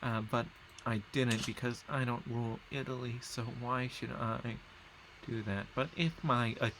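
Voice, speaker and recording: Speaking at a medium pitch with a steady tone and a measured pace, a gameplay commentator casually talks through a strategy game he's playing, with background noise present. He rambles and self-corrects while reading out place names in this let's-play.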